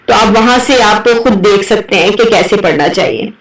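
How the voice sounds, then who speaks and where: Woman recitation teacher, patient, keeps checking "right?", stretches sounds slowly; echoey, off-mic. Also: medium pitch, expressive. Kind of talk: Urdu tajweed lesson, explaining and modelling letter sounds. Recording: echoey room, voice from a distance.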